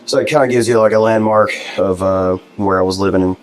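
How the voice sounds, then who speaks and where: Low, flat-voiced hungover man from New Jersey. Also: quick pace, over a noisy crowd, low-quality recording. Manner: laid-back, rambling, many fillers. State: tired, hungover. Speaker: guest musician. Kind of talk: casual interview chat.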